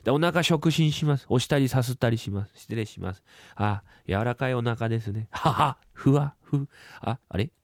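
A man's voice: normal speed, no echo, clean studio sound, natural voice. A man performing rakugo plays a bumbling, cheeky young doctor's assistant chattering fussily at a bedside. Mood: fussy. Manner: fussy, chatty bedside talk, low-voiced. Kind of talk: rakugo storytelling.

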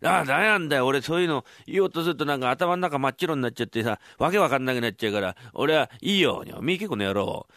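A man hosting a live radio show and performing a short rakugo story, switching quickly between the voices of many townsfolk. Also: mid-range voice, dry recording, clean studio sound. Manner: fast, lively Edo-style storytelling.

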